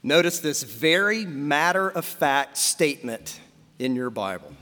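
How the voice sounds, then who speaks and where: A man with a high voice preaches a sermon from the pulpit, asking questions of his congregation. His words ring out with the long reverb of a church hall. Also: very animated, measured pace, bright, forceful tone. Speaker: pastor.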